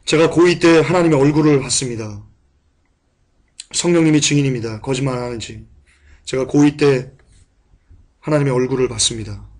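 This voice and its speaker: A man preaching a sermon and telling a personal testimony, moving between hushed, quiet recollection and loud, passionate outbursts. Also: mid-range voice, a little fast, long pauses. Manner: impassioned, swings from hushed to shouting.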